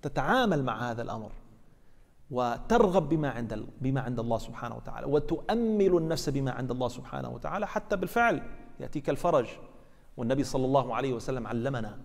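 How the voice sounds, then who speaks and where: A man's voice: medium pitch, sing-song, very fast, gravelly. A man giving a colloquial Quran commentary lesson as an imam in a mosque, acting out dialogue and asking rhetorical questions. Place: mosque hall. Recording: reverberant mosque hall.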